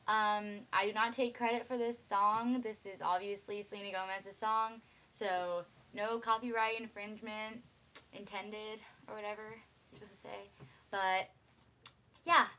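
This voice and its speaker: A teenage girl with a raspy, hoarse voice, tired from lack of sleep, chatting casually to camera with lots of ums and likes. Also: mid-range voice, flat delivery, measured pace, bright, forceful tone. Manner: rambling, full of ums and likes. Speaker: cover singer and vlogger.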